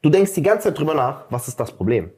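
A man's voice: a little high, big pitch swings, fast, mellow. A man co-hosting a casual podcast chat, ranting heatedly and often calling the others "Bruder". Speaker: podcast co-host.

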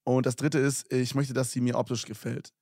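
A man's voice: medium pitch, level tone, moderate pace, darkish tone, no echo, clean studio sound. A young man co-hosting a casual podcast, reading listener messages aloud with slang and laughs. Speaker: podcast co-host.

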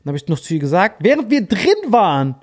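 A man's voice: high-pitched, big pitch swings, quick pace. A man in his forties, a podcast co-host, telling a rambling, provocative joke story in casual chat. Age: 40s.

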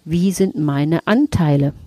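A woman's voice: low-pitched, slow, no echo. Woman, therapist, casual podcast talk, rhetorical questions, dry sound. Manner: explains warmly with many rhetorical questions. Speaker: therapist and co-host.

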